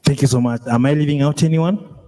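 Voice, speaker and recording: A man facilitating a workshop meeting, speaking in a relaxed, halting way with fillers. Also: on the high side. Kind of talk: running a workshop session.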